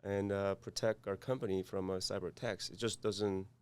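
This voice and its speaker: A man from South Korea with a Korean accent, a podcast guest speaking haltingly with many fillers and restarts. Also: on the low side, flat delivery, darkish tone, smooth. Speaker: guest, cybersecurity firm founder. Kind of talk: podcast interview.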